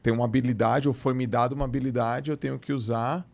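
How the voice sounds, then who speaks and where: A man's voice: medium pitch, fairly even intonation, fast, gravelly, a little mellow. A man talking on a podcast in a casual, emphatic way, repeating words for stress. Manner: emphatic, repeats words, says "velho" and "cara" often. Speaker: podcast guest. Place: podcast studio.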